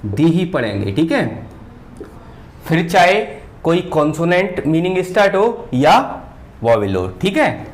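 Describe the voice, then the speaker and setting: Slow-paced man teaching at a board. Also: fairly high pitch, sing-song. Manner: slow, repeats words while writing, often says "ठीक है". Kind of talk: whiteboard grammar lesson.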